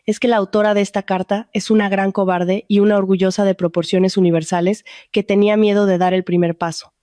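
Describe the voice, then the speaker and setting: A woman's voice: mid-range voice, level tone, fairly quick, dark tone, dry recording, clean studio sound, natural voice. A woman voicing a remorseful, dying elderly aunt over 60 reading out her farewell letter, regretful and tender.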